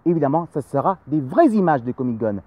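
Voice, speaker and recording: A man's voice: on the high side, big pitch swings, fast talker, warm tone. A man giving a casual spoken film review, rambling and repeating himself with many fillers.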